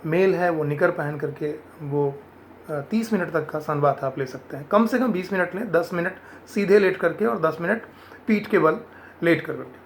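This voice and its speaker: A man's voice: a little high, a little hiss or hum. A man from India giving earnest health advice in an informal explanatory talk, slipping English phrases into his speech.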